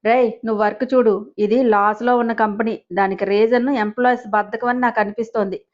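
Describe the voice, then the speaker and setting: A woman's voice: a little high, steady tone, brisk, lo-fi sound, close to an everyday voice. A woman voicing a cocky young husband who poses as his wife's boss, teasing and mock-dramatic.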